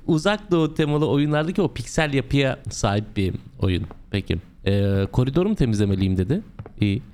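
Hoarse, lively young gamer man. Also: medium pitch, a little fast. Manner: chatty, jokey, swings into loud exclamations. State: sore throat, slightly hoarse. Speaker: gaming channel host. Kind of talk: let's play commentary.

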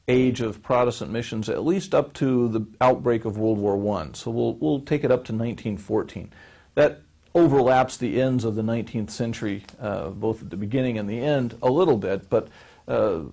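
A man in his forties gives a measured, explanatory answer on history, like a professor fielding a question. He talks at a middling pitch, pausing on fillers and restarting phrases as he thinks. He is recorded seated in a small studio on a close mic. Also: vocal fry, darkish tone. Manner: gestures with his hands while speaking. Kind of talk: lecture-style interview answer. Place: small studio set with a wood-panel backdrop, seated.

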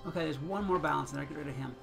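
A man's voice: a little high, very fast, creaky, fairly bright tone, faint music behind. A man giving casual, chatty commentary on his own gameplay, thinking aloud and chuckling often as he plays. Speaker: gaming channel host.

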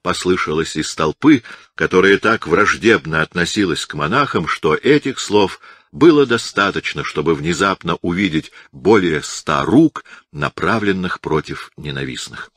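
A man reading an audiobook in a measured, dramatic narration style. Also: low voice, lively intonation, a bit bright, dry recording, clean studio sound. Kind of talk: scripted narration.

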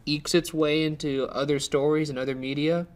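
A young man hosting a show, reading a horror story in a measured way and chatting wryly in a dark studio. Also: fairly high pitch, steady tone. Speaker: host and story reader. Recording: music playing underneath.

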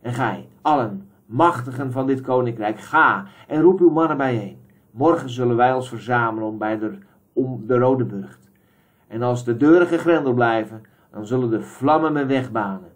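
A furious, proud king with a commanding, booming delivery, as a male audiobook reader puts him on. His words come slow and heavy, each one pressed out loud. The voice sits at a middling male pitch. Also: natural voice.

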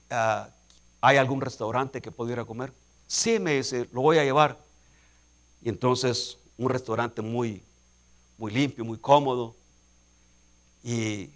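A man preaching a sermon, telling a personal story and building to emphatic, repeated calls to action. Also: mid-range voice. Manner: preaching with rising, emphatic repetition; quietly acts out dialogue in anecdotes.

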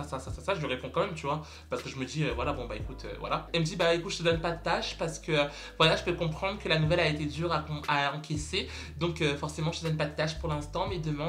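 A man's voice: on the high side, fairly bright tone. A young man telling a story to camera in a casual vlog, dramatic and exclamatory, repeating words for emphasis. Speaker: vlogger.

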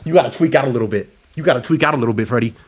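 A man's voice: medium pitch, racing. A young man doing let's play commentary, hyped and profane, trash-talking the game's villain and repeating taunts over and over. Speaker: gaming YouTuber.

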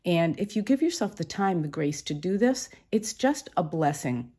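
A woman's voice: fairly low pitch, expressive, normal speed, warm tone, breathy edge. A woman hosting her own cooking channel, talking casually and upbeat through each step of her meal prep in a home kitchen.

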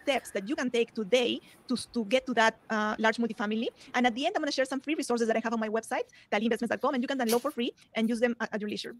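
Fast-talking woman from Peru, presenting. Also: fairly high pitch, slight background noise. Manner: fast, eager, with many fillers. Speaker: real estate investor presenter. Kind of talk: webinar presentation. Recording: sped-up recorded webinar.

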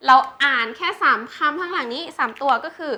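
A woman's voice: high-pitched, brisk, bright, forceful tone. A woman tutoring beginners in English, patient, asking learners questions and drawing out example words for them to repeat. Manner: patient, checks understanding with questions. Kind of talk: slow teaching with example sentences.

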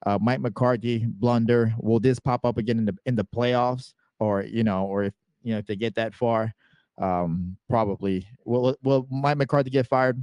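A man hosts a casual sports talk show, narrating game footage play by play in a loose, chatty manner. His voice sits at a middle pitch and sounds dry and close to the mic. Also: normal speed, no echo. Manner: walks through game clips, relaxed and chatty. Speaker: podcast host.

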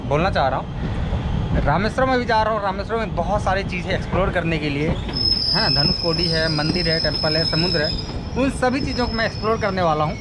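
A young man vlogging from a moving train's doorway, talking with excitement and often exclaiming in wonder. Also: sits high, fast. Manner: enthusiastic, exclaims often, mixes English words into Hindi. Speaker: travel vlogger. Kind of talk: excited travel vlog commentary. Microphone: action camera held at arm's length. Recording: loud train and wind noise.

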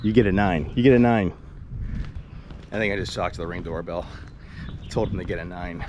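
Low-voiced and steady, a man in his forties speaks a little fast as he vlogs a casual walking tour. Filming on an action camera at arm's length along a sunny residential street, he rambles and cracks jokes in chatty self-talk. Street ambience and passing cars come through as outdoor noise.

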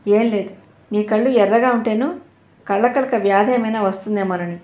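A woman voicing a caring young male doctor who speaks gently and reassuringly. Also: medium pitch, moderate pace, lightly acted. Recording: roomy echo.

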